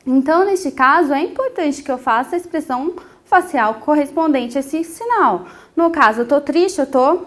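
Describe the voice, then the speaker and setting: A woman teaching a sign language lesson, explaining each point patiently and filling pauses with short hesitations. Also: high voice. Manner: patient, explanatory, with frequent 'é' fillers.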